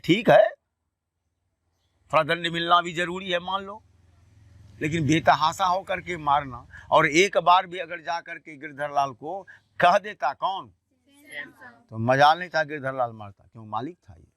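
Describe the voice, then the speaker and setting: A man teaching a class, retelling a textbook story in a colloquial way and repeatedly asking quick questions that he answers himself. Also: fairly high pitch, a bit bright, dry recording. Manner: poses quiz questions and answers them himself.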